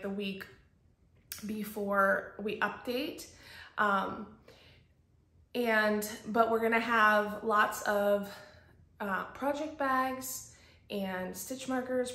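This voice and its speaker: Her voice sits in the mid range with a fairly bright tone as this fortysomething shop owner chats on her casual podcast. She says um often, and the bare-walled home office where she records gives an echoey, empty-room sound.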